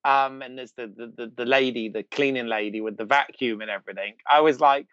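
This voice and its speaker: A man hosting a casual chat, talking in an animated, storytelling way. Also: medium pitch, fairly quick, clear, resonant tone. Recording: dull, dry lo-fi sound.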